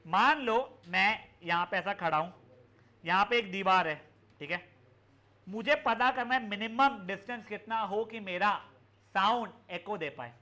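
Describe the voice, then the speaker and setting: A man's voice: high-pitched, measured pace, bright, forceful tone. A young man teaching a physics class online, explaining in chatty mixed Hindi and English and addressing students affectionately. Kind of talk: live online class lecture.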